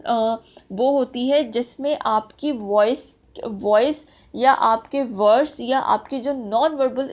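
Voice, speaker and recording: Woman, somewhat high voice, sales trainer, code-switching, hesitant fillers. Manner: mixes English phrases into Urdu-Hindi, frequent fillers. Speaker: sales and customer service trainer. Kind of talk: instructional talk.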